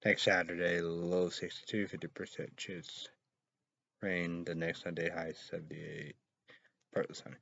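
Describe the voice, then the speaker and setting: Sitting in a small, dim room, a man in his thirties rambles through weather and news headlines on his solo online show, his voice low, flat and full of vocal fry. He halts, spells out words, repeats phrases and breaks into loud outbursts. The sound is dry and dull, lo-fi webcam audio picked up by a webcam or laptop mic held at arm's length.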